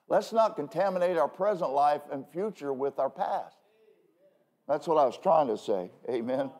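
A male pastor preaching a sermon from the pulpit in a conversational way, full of self-deprecating asides and quick "okay?" checks with the congregation. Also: on the high side, expressive, darkish tone. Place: church pulpit.

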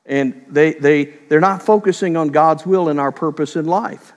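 A middle-aged man preaching a sermon, telling stories in a conversational way and slipping into quick voiced quotes. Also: on the high side, in a large hall, dull audio. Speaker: pastor.

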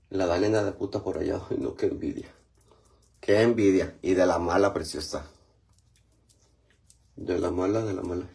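Chatty Mexican man with low voice. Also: creaky, a little mellow. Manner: chatty, slangy, greets viewers by name while doing a skincare routine. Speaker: livestream host. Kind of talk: casual livestream chat.

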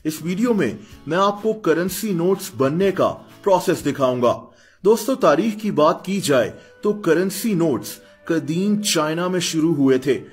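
A man reads a scripted explainer voice-over in a fairly high, husky voice. He keeps a steady teaching pace and often turns to the listeners as friends. Soft music plays faintly underneath. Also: normal speed. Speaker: explainer video narrator. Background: faint background music.

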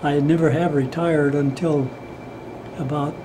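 Very old man, 90s, slightly high voice, halting conversational interviewee, noticeable background hum. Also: fairly even intonation. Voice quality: very old man's voice. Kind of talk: casual interview. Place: indoors, small room.

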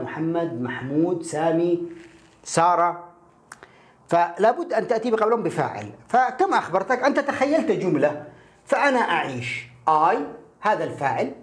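A man teaching a lesson with an explanatory, animated delivery and frequent rhetorical questions. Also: on the high side. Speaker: English teacher. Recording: echoey room.

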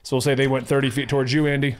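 A man's voice: medium pitch, little pitch movement, very fast. A man in his thirties hosting and narrating a tabletop game as game master, in casual banter on a close studio microphone. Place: small studio, indoors. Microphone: close studio microphone on an arm.

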